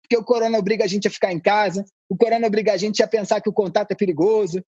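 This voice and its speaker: A man who is an anthropologist, a guest on a podcast, explaining ideas in a relaxed, conversational way with playful asides. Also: high voice, very fast, breathy edge, no room sound, lo-fi sound.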